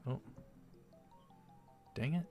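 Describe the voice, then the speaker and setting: In a mellow voice with drawn-out words, a man hosts a let's play, reading a visual novel aloud. His asides are casual, rambling, and hesitant, and the game's background music plays faintly.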